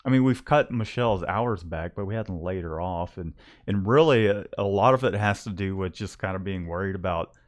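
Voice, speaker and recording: Low-pitched and brisk, this screen printing shop owner co-hosts a casual livestream chat. His Southern accent mixes Texas and Louisiana, and he rambles along with lots of restarts and fillers.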